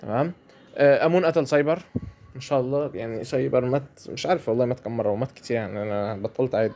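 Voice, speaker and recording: Fast-talking Egyptian man commenting on gameplay. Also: mid-range voice, a little mellow, a little hiss or hum. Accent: Egyptian Arabic. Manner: fast, chatty, repeats phrases, colloquial. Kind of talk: mobile game commentary over gameplay.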